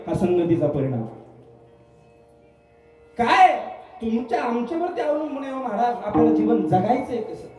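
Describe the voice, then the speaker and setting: A man's voice: very high-pitched, a little mellow. A man preaching a devotional kirtan sermon in a festival pandal, firing questions at the crowd and repeating phrases in a call-and-response cadence. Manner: fires questions at the crowd, urging answers. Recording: echoey PA from far off, with music.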